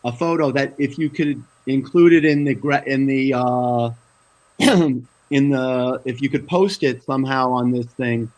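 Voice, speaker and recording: A man gives his analysis slowly on a video call, laying out his points in a measured, lecturing way. His voice sits in a middle range. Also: mid-range voice, a little mellow, rough recording. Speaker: guest analyst. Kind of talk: panel commentary.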